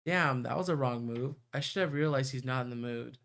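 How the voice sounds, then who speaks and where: A man livestreams a visual novel, playfully reading the narration aloud, sometimes stumbling or slipping into chatty asides. His voice is mid-range and fairly bright, with vocal fry, and he speaks fairly quickly.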